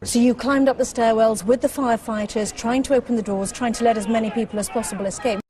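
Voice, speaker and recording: A woman interviewer with a mellow, somewhat high voice asks quick, probing questions. Faint city sounds carry behind her. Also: fairly even intonation, a little hiss or hum.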